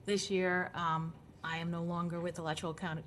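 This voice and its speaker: Woman's low, flat-toned podium speech. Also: normal speed, a little hiss or hum. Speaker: applicant, science educator. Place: public meeting room, at podium.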